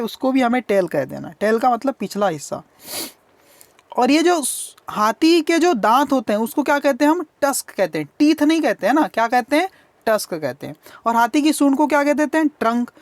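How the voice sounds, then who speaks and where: A woman's voice: sits high, dry recording. Woman teacher quizzing and spelling. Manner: asks questions and answers them herself, spells words letter by letter. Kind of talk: explaining an English textbook lesson.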